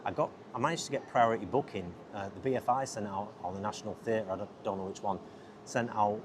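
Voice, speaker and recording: A man's voice: lowish voice, quick pace. A man hosting a podcast in a casual, rambling, easily distracted way, recorded outdoors on a lapel mic. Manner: easily distracted, chatty, self-interrupting. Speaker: podcast host and filmmaker. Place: outdoors on a busy city riverside. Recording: outdoor lapel mic with loud surrounding noise. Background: loud outdoor ambience.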